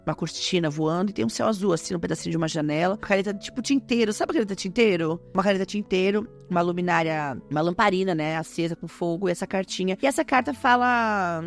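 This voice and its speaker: A woman with a Brazilian Portuguese accent hosting a podcast, talking casually and lively to her listeners. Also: lowish voice. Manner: chatty, lively, addresses listeners as gente. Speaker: podcast host.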